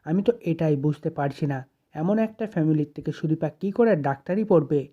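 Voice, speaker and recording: A man's voice: a little high, normal speed, muffled recording, close to an everyday voice. A narrator reading the lines of a scheming young male doctor in their own plain voice. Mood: curt.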